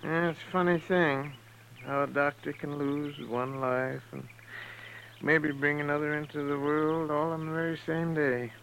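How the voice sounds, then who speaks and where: An actor playing a rueful American frontier country doctor in a 1950s radio western, folksy and musing. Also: male voice, fairly high pitch, fairly even intonation, a little slow, gravelly. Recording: dull, noisy old radio recording.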